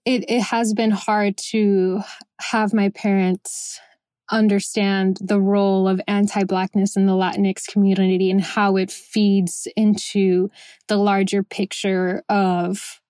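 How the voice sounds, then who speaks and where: A woman's voice: mid-range voice, a little mellow, dry recording, studio quality. A young adult woman from Venezuela, raised in Miami, speaking reflectively as a bookstore founder and dropping Spanish words into her English. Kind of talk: personal interview testimony.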